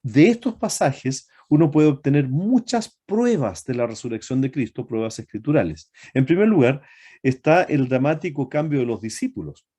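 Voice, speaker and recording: In this sermon, a male preacher addresses his congregation with frequent rhetorical questions, pausing on fillers and correcting himself. His medium-pitched voice is animated and mellow, with a breathy edge.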